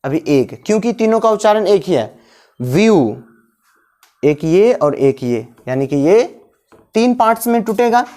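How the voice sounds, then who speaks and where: A woman's voice: mid-range voice, big pitch swings, a little slow, pauses often, dark tone. A woman teaching an English lesson step by step, asking questions and answering them herself. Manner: explains step by step, asks and answers own questions. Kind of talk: classroom-style grammar lesson.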